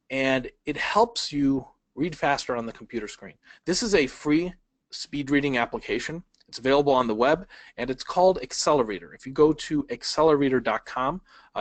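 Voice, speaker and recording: A man teaching a speed reading webinar from a laptop, talking conversationally, asking the audience questions and changing his pace and loudness for emphasis. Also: medium pitch, dry recording, rough recording. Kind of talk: webinar lesson. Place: indoors at a laptop.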